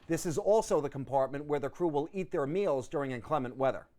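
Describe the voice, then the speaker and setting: This man reports TV news, both live stand-ups and scripted packages, in a slightly high voice with an animated, fairly quick, punchy delivery. Background noise can be heard.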